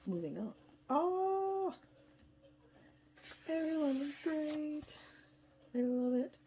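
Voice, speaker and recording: A woman with a high voice and big pitch swings talks very slowly in a warm tone, stuffy from a cold. She's an unboxing vlogger chatting casually and a little tiredly at a table indoors, filming her hands from above. There's slight background noise.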